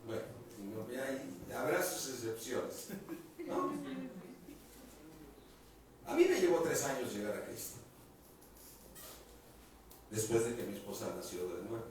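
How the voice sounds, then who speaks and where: A man's voice: mid-range voice, big pitch swings, unhurried, pauses often, a little hiss or hum. Distant, echoey male pastor preaching. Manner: asks the congregation questions and repeats key words. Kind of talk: sermon. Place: church hall.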